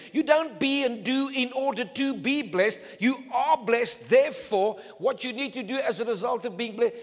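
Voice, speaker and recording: A male pastor preaching a sermon emphatically, swinging between loud declarations and low, intense tones. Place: church hall. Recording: long hall reverb.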